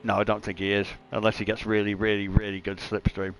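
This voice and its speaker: A man's voice: lowish voice, flat delivery, fast, slight background noise. A man commentating live on an online sim race, chatty and joking, reading out lap times. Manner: chatty, jokey, reads lap times aloud.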